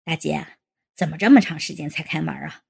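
Woman putting on a brash young man, gravelly and husky, teasing, loud fast bursts, storybook reading. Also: sits low, pitched below the performer's own voice, exaggerated voice. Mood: casual. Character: brash joking young man, crude teaser. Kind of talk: storybook character voice.

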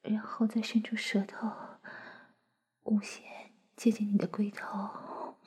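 A woman voicing a flirtatious, teasing sister-in-law in an intimate audio roleplay, speaking in a breathy close whisper. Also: mid-range voice, little pitch movement, takes it slowly, a little mellow. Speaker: voice actress in an adult audio roleplay.

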